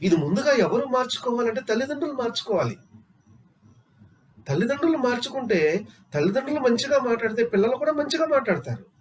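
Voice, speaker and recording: High, lively male preacher. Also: quick pace, a little hiss or hum. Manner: rhetorical questions to listeners, repeats phrases. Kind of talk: sermon.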